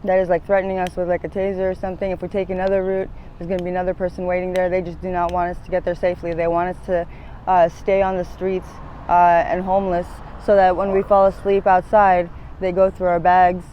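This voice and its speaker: Flat-voiced rambling woman in her thirties. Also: fairly low pitch, fast talker, muffled recording, a little hiss or hum. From United States, born in Latvia. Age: 30s. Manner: rambling, hesitant, many fillers. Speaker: interviewee. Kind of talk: street interview. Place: outdoors on a city street.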